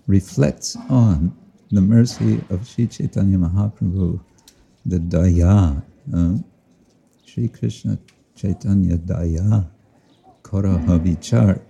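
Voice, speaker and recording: A man giving a slow, reflective devotional talk outdoors to listeners, often chuckling and explaining Sanskrit and Bengali terms. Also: deep voice, vocal fry, dark tone, slightly rough. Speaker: spiritual teacher. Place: outdoors with listeners, sun overhead.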